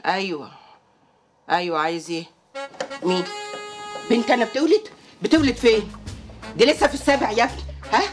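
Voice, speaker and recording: A man's voice: high-pitched, quick pace, long pauses, music in the background, lightly acted. An actor playing a grumpy man woken at dawn by a call, grumbling about his troubles. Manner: groggy then grumbling. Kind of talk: comic TV drama acting.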